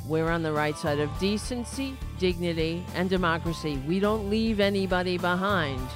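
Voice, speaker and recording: A woman's voice: lowish voice, moderate pace, music in the background. A woman hosting a live political show, delivering an emphatic rally speech in short, declarative slogan phrases.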